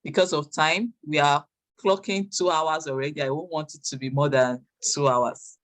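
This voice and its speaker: A woman with a Nigerian accent, informally moderating questions in a hesitant, halting way. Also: deep voice, fairly even intonation. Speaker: moderator of an online business meeting.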